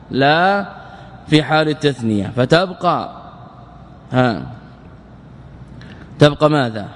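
A man teaching Arabic morphology in a lecture, repeating words slowly and asking and answering his own questions. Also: fairly high pitch. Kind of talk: classroom lecture explaining grammar. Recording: long hall reverb.

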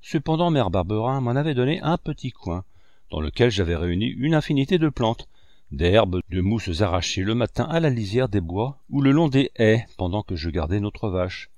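A man narrates a classic novel as an audiobook, reading in a measured, expressive way. His voice is on the low side, and there is no echo.

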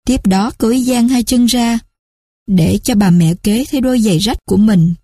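A woman narrating a story in a steady, measured reading. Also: a little high, breathy edge, no room sound, studio quality.

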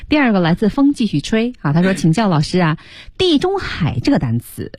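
A woman's voice: mid-range voice, big pitch swings, a little fast, a little mellow, no echo. A woman co-hosting a radio English lesson, reading out listener questions and prompting the teacher.

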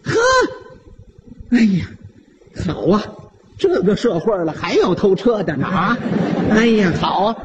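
Stammering, yelling fat uncle, very high and lively, as a male storyteller with a Beijing accent puts him on. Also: measured pace, long pauses, dull audio, slight background noise. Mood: frantic. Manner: frantic shouting, stammering. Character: flustered fat middle-aged uncle.

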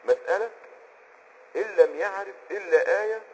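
Very husky Egyptian man teaching. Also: sits high, poor audio. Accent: Egyptian Arabic. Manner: conversational, often pauses on a filler word while hunting for a term; checks on the listener with quick asides. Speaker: Islamic jurisprudence teacher. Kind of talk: explanatory lesson on a text.

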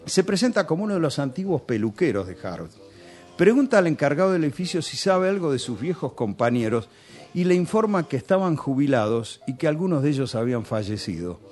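A man's voice: fairly high pitch, big pitch swings, fairly quick, a little mellow, faint music behind. Argentine man telling nostalgic stories. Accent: Rioplatense Spanish. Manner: nostalgic, chatty storytelling with local slang. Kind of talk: storytelling on a radio show.

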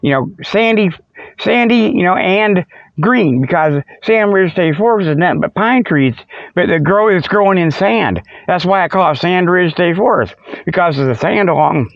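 Hosting a comic show about Sasquatch, this American man drifts through a folksy, rambling monologue peppered with jokes on the side. His voice sits high and sounds expressive at a normal pace. The audio is close and dry with a dull, radio-like lo-fi quality.

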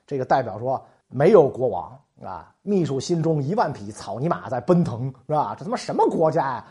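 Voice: medium pitch, sing-song, brisk, dark tone. A history podcast host telling a comic, colloquial history story with slangy jokes and asides.

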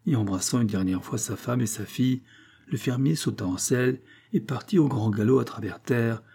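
A man narrating a classic novel as an audiobook in a measured, even reading. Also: medium pitch, vocal fry, breathy edge. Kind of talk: scripted narration.

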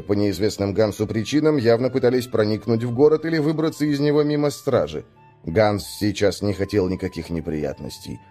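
A man narrating a fantasy novel as an audiobook, expressive and voicing the characters. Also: mid-range voice.

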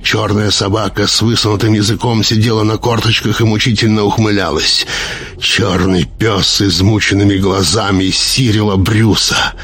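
A man narrating a first-person horror story as an audiobook, in a theatrical reading that slows down and climbs at the tense moments. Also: fairly low pitch, steady tone, fairly bright tone, husky.

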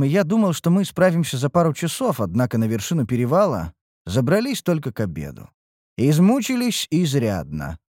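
A man reads a fantasy novel aloud in the first person with a lively, rising and falling delivery. His voice sits a little high, and the recording is dry and close with no room sound. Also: no echo. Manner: expressive first-person storytelling. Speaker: audiobook narrator. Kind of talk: scripted audiobook narration.

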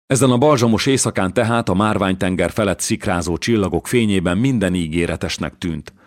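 A man narrating a historical novel as an audiobook in an even, measured storytelling manner. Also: low-pitched, no room sound, clean studio sound.

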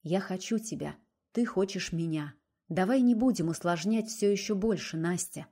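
A woman reading the lines of a domineering adult man who speaks low, coaxing and curt. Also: normal speed, dark tone. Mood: coaxing, cold. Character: forceful domineering adult man, cold and insistent.

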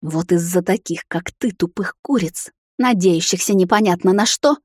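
A woman voicing a fierce, protective vampire mother who snarls and shouts in rage, in a storybook reading. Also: medium pitch, brisk, slightly rough, no echo, studio quality. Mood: furious.

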